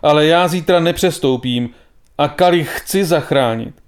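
A man's voice: on the high side, pitched above the performer's own voice, natural voice. A man voicing a frightened, earnest young boy who pleads urgently. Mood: desperate pleading.

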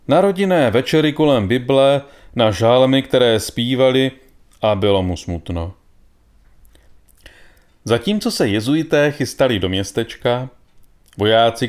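A man narrating a story in a calm, measured reading voice. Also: medium pitch, clean tone.

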